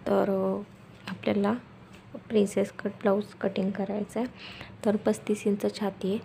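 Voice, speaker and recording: A woman giving a step-by-step sewing tutorial, speaking softly and quietly at night, repeating steps as she goes. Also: mid-range voice, flat delivery, normal speed, gravelly, slight background noise. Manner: instructional, repeats steps and measurements.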